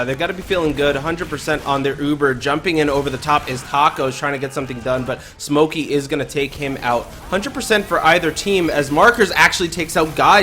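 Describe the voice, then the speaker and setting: A man's voice: on the high side, pushed and bright, slight background noise. Man casting a live esports match. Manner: quick, chatty, many fillers. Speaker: esports caster. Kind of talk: live play-by-play commentary.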